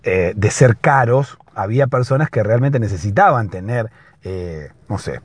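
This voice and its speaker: A hoarse man hosting a casual solo podcast, explaining patiently and often checking in with his listeners. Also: on the low side, expressive, unhurried, dry recording. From Latin America. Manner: explanatory, keeps checking in with a questioning "right?". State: hoarse, slightly husky voice. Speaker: podcast host.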